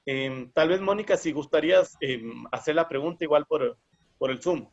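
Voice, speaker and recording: A man's voice: fairly high pitch, normal speed. A man moderating an online workshop, speaking in a polite, organizing way over a video call. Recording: muffled lo-fi video call audio.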